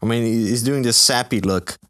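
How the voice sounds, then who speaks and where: A young man co-hosting a comedy podcast, hesitant and deadpan. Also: mid-range voice, fairly quick, dry recording, clean studio sound. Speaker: podcast co-host. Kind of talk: casual comedic chat.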